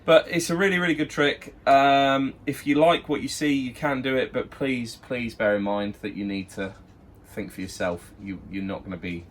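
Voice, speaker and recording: A man's voice: mid-range voice, normal speed, slight background noise. A man co-hosting a magic product review, talking bluntly and with exasperation about a tutorial. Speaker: magic shop review co-host. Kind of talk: casual review chat.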